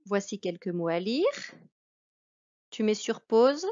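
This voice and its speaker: Woman, French accent, teacher, very slow and careful, mid pitch, dull lo-fi sound. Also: very animated, a little mellow. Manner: slow, careful, addressing a child. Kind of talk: reading lesson for children. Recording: dull lo-fi recording.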